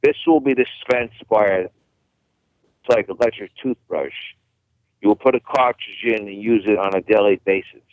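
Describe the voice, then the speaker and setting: A man's voice: on the low side, moderate pace, dry recording. Man on a fuzzy, distorted phone line. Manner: earnest, repeats and restarts words. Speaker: caller. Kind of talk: casual radio talk.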